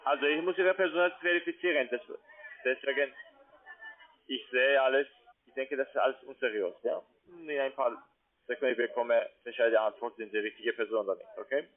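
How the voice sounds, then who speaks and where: This medium-pitched, brisk male voice belongs to a call centre sales agent for whom German is not his native language. He presses his point insistently with faulty grammar, heard through a thin, tinny phone connection.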